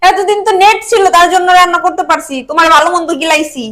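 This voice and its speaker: A woman playing a pleading young wife, quick and high. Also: bright, forceful tone. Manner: pleading, whiny. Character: young wife who can't cook without the internet. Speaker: actor in a village comedy skit. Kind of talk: skit acting.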